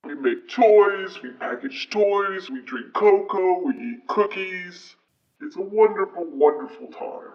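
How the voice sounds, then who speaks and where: A man playing a jolly old Santa Claus in a podcast interview, with a booming ho-ho-ho laugh. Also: animated, heavily acted. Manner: booming ho-ho-ho laugh, slow and warm. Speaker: interview guest from an archive recording. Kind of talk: phoned-in interview. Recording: dull lo-fi call audio.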